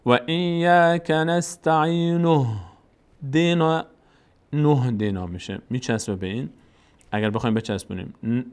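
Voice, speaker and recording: A man teaching Quran reading, explaining each letter and vowel mark, then chanting the verses slowly to show the right sound. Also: fairly low pitch, darkish tone. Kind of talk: recitation lesson.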